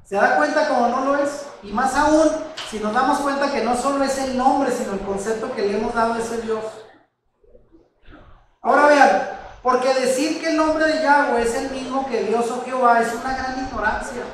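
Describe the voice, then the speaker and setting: A man's voice: very high voice, moderate pace, fairly bright tone. Man preaching in a very echoey room. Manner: asks rhetorical questions, addresses listeners as brother. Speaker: religious teacher. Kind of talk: conversational sermon. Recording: very echoey room, distant mic, faint noise.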